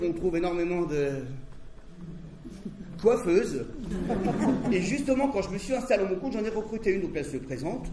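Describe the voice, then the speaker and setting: Brief: male stand-up comic, pun-heavy storytelling, higher-pitched voice, heard from a distance. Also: darkish tone. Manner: wordplay-driven, conversational storytelling. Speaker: stand-up comedian. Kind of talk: stand-up comedy routine. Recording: roomy, distant, noisy stage recording.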